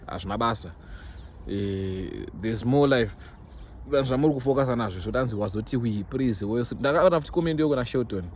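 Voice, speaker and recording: A man's voice: medium pitch, animated, brisk, darkish tone. A young man with a Zimbabwean accent, chatting casually to his followers as a vlogger in an emphatic, repetitive way, mixing in English phrases. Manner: emphatic, repeats himself for stress. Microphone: phone. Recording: noisy background ambience, phone recording.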